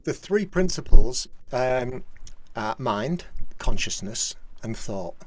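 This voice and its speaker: A man hosting an online therapy group over a video call, talking in a soft, rambling, reflective way. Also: mid-range voice, lively intonation, slow. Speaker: therapist and session host. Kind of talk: casual online group discussion.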